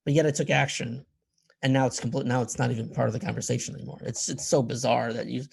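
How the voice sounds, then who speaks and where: A man in his forties, a podcast guest and author, talking in casual conversation in a halting way, often repeating words as he searches for them. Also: mid-range voice, level tone, gravelly, a little mellow, husky. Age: 40s.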